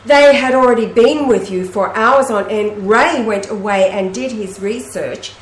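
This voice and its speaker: Animated woman in an echoey room. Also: medium pitch, unhurried. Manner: animated storyteller, acts out quoted speech. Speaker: host. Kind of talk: casual conversation.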